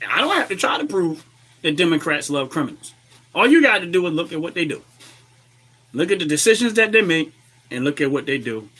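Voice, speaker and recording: A man with an American accent hosting a casual, opinionated livestream commentary while a little under the weather, clearing his throat and repeating phrases for emphasis. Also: on the high side, sing-song, fairly quick, sharp tone. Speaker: livestream host.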